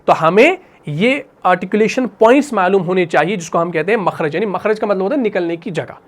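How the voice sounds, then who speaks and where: Male recitation teacher, patient, question-and-answer delivery, slow repetition of key terms. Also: high-pitched, animated. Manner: patient, asks questions and answers them himself; repeats each term slowly. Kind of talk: classroom lesson.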